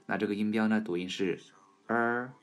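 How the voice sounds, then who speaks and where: A man recording an audio English pronunciation lesson at home, explaining in Chinese and slowly repeating English words and sentences for learners. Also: fairly low pitch, little pitch movement, faint music behind. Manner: switches between Chinese explanation and English examples.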